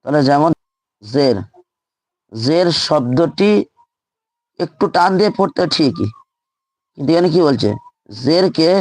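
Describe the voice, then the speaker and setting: Higher-voiced man drilling reading lessons. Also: no echo. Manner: drills letters aloud, repeating each syllable slowly. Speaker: Quran reading teacher. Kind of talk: live online lesson.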